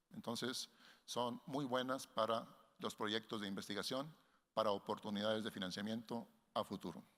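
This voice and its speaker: A man giving a workshop lecture to researchers in a measured way, often restarting phrases and linking ideas with "entonces". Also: lowish voice, fairly bright tone. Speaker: workshop instructor. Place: conference hall. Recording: long hall reverb.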